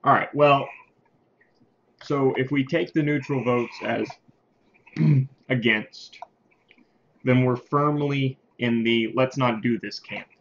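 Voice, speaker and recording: A man's voice: mid-range voice, fairly even intonation. Man leading a casual online meeting. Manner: informal, halting, tallies votes aloud. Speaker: meeting leader. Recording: muffled call audio with faint noise.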